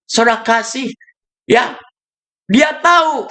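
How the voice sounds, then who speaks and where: A male pastor preaching a sermon, telling stories with sudden shouted bursts and dropping English phrases into his talk. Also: extremely high pitch, slow. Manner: storytelling with shouted bursts and laughs.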